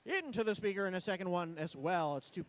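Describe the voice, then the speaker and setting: A man giving live play-by-play commentary as an event announcer, in an excited delivery. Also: high voice, fast. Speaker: play-by-play announcer at a robotics competition.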